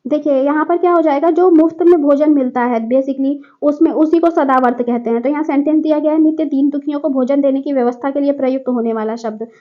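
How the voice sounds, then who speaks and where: A woman with a high voice works through an exam paper like a teacher, explaining each answer step by step. She keeps checking in with the listener as she moves along. The recording is dull and lo-fi. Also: quick pace, few pauses. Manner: explains step by step, often adds "ठीक है".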